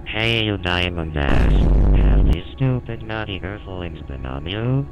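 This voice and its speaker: A man voicing a sulky, touchy male moon in an animated space story. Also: low-pitched, measured pace, muffled recording, full character voice. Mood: resentful. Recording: loud music behind.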